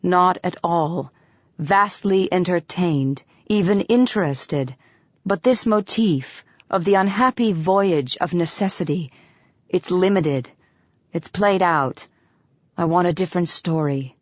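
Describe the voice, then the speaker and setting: A woman reading an audiobook voices a patient man who speaks in a dry, measured way. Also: lowish voice, no echo, highs cut off. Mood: dry wry.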